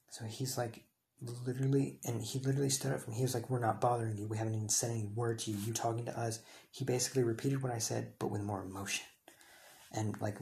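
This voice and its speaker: Gravelly young man ranting casually. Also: on the low side, a little mellow. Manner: rambling, heated, many restarts and fillers. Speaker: podcast host. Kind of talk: casual storytelling monologue.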